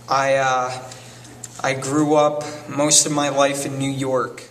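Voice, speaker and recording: An eighteen-year-old man speaks very slowly in an almost monotone, subdued way. He is recorded from a distance with a faint hiss behind him. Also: mid-range voice. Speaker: interviewee. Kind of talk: documentary testimony.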